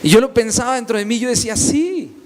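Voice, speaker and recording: Young guy preaching, pretty high voice, big reverb, storytelling with lots of repeats. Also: steady tone, rapid-fire. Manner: storytelling, repetitive emphatic phrasing. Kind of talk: sermon. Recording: long reverb, faint ambience.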